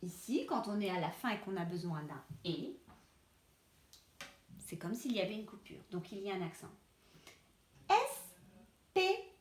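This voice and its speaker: A woman's voice: medium pitch, big pitch swings, moderate pace, long pauses, echoey room. A woman teacher giving a spelling lesson to children, patiently sounding out words syllable by syllable. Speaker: primary school teacher.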